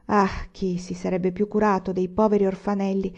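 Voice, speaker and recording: A woman reading a classic novel aloud in a steady, measured audiobook narration. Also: mid-range voice. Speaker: audiobook reader. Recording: slightly dull lo-fi recording.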